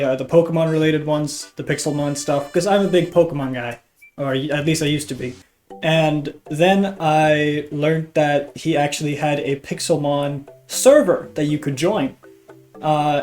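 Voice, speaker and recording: A man from Norway, his voice on the high side with a darkish tone, hosts a YouTube video and chats casually with viewers despite a slight cold. He comes across as hesitant and self-deprecating, and guitar music plays in the background.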